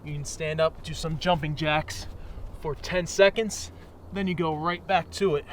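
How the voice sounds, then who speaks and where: High-pitched male aerobics instructor calling cues. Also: a little slow, a little hiss or hum. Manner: energetic, motivating, clipped commands. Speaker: fitness instructor. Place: outdoors in a national park.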